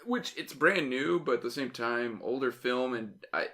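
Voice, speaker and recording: A man's voice: mid-range voice, moderate pace, bright, forceful tone. A man hosting a casual movie review podcast, joking, swearing freely and laughing often. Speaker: podcast host.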